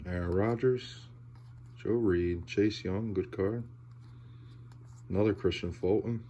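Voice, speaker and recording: Male hobby-video host, unhurried and low, laid-back commentary, heavy audible breaths between phrases. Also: dark tone, highs cut off, slight background noise. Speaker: host of a sports card pack-opening video. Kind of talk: casual unboxing commentary.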